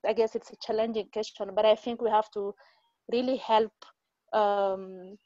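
A woman in her forties from Mali, making an earnest, halting comment over a video call with many fillers. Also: medium pitch, fairly even intonation, warm tone, no echo, dull audio. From Mali, West Africa. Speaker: audience participant in online talk.

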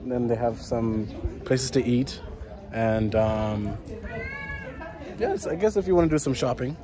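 Speaking at medium pitch and a little slowly, a young man in his twenties films himself walking through a busy city, camera at arm's length. His travel-vlog talk is casual and rambling, full of fillers and restarts, against the sound of traffic.

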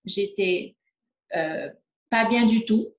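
A woman's voice: mid-range voice, slow pace, reverberant. A woman in her fifties from French Guiana, telling her story in an interview with many hesitations. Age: 50s. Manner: hesitant, many fillers, acts out quoted dialogue. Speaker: interviewee, distributor. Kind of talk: testimonial interview.

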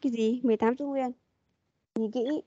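A woman's voice: on the high side, steady tone, normal speed, mellow. A woman teaching an online English class, patiently prompting and repeating her questions over a video call. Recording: dull lo-fi meeting audio.

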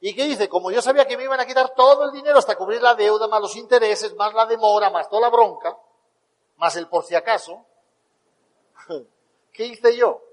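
High-voiced man telling stories. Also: normal speed, long pauses. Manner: animated storyteller, acts out quotes. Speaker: motivational speaker. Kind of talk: storytelling talk to an audience. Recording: long hall reverb.

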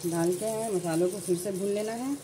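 A woman narrating a home cooking tutorial, calmly explaining each step in order. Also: mid-range voice, brisk, background noise. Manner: calm step-by-step instructions. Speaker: cooking channel host.

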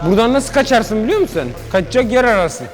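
A man vlogging in a joking, animated way, talking to his viewers. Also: very high-pitched, fast talker, soft background music. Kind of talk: comedic vlog.

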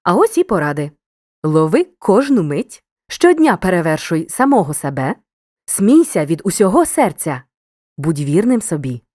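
A woman narrating a scripted grammar lesson in a clear, measured, instructive way. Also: fairly low pitch, very animated, a little mellow, dry recording, studio quality.

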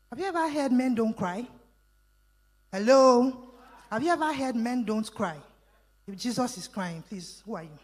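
A woman's voice: medium pitch, rough recording. Woman speaker, Bible teaching talk, reads verses and explains them, keeps asking the audience questions. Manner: quizzes the audience with call-and-response questions. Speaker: relationship speaker teaching a meeting.

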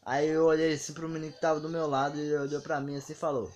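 A man's voice: on the high side, racing, highs cut off. Guy telling embarrassing stories. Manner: animated, acts out quoted dialogue. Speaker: vlogger. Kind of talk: casual storytelling monologue.

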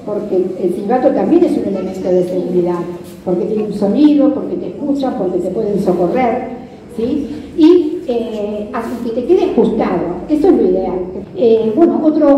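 A middle-aged woman with a Rioplatense Argentine accent, her voice fairly high and mellow, instructs an audience on kayak fishing safety, often checking in with question tags. She speaks live through a handheld mic over the PA in a large hard-floored club hall full of seated listeners. A distant camera captures it with lo-fi, echoey sound and crowd murmur.

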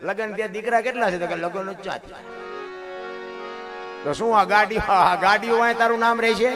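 A man telling folk stories and moral lessons to a live audience, animated, with sudden loud rises and warm calls to his listeners. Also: high-pitched, moderate pace, over music. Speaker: folk storyteller. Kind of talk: folk storytelling sermon before an audience.

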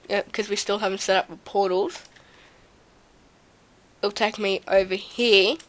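Sitting at her home computer, a young server owner shows viewers around in casual gameplay commentary, speaking in a mid-range voice. She's slow and hesitant, rambling with lots of ums, and has a slight cold with a runny nose and cough. Her desk mic sits near the keyboard, so typing comes through in the dry, close, echo-free sound.

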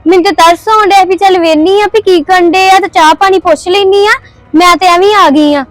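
A woman's voice: very high-pitched, fairly even intonation, a little fast, no echo. A woman playing a young daughter-in-law who answers back to her mother-in-law. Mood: defiant. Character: young daughter-in-law, defiant but worried. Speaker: actor. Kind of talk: village family drama acting.

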